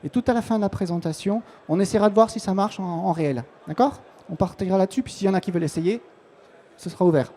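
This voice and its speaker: A man's voice: high-pitched, fast talker, mellow, a little hiss or hum. A man, a technical support manager, giving a live conference presentation on a trade-show floor, informal and full of restarts and fillers.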